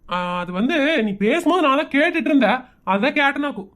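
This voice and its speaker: A woman's voice: high-pitched, lively intonation, brisk, fairly bright tone. A woman voicing an exasperated village father in a cartoon comedy, scolding in a rural Tamil Nadu accent.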